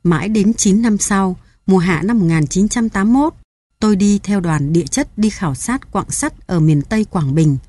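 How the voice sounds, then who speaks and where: A woman narrating a literary novel as an audiobook, steady and even. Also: mid-range voice, normal speed, no echo.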